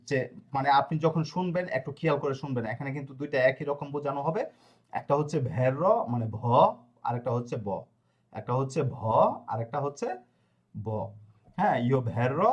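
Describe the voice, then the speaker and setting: A man teaching a language lesson, reciting verb forms slowly and checking in with his listeners along the way. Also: mid-range voice. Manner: repeats conjugations slowly, with fillers and checks. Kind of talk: explaining a lesson.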